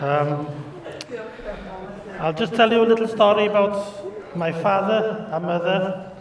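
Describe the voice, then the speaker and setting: Slow North Welsh man, hesitant wedding speech. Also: high voice. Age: middle-aged. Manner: hesitant, homely storytelling. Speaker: father of the groom. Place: large glass-walled wedding reception room. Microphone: handheld mic, picked up from afar. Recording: echoey reception room, distant camera microphone. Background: wedding guests.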